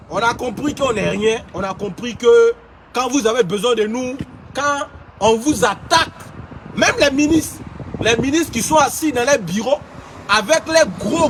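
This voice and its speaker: A man's voice: very high-pitched, a bit bright, a little hiss or hum. A young man from Côte d'Ivoire with an Ivorian French accent, ranting indignantly as a blogger in a heated vlog full of street slang.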